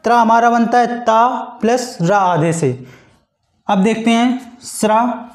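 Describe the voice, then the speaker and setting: High-voiced male teacher in an echoey room. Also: slow pace. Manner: patient, repeats and stretches out syllables to demonstrate pronunciation. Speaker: Hindi teacher. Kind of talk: blackboard-style grammar lesson.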